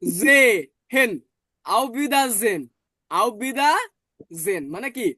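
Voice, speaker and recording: A man teaching German in an online class, explaining patiently and slowly repeating words. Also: very high voice, animated, sharp tone, no room sound, studio quality.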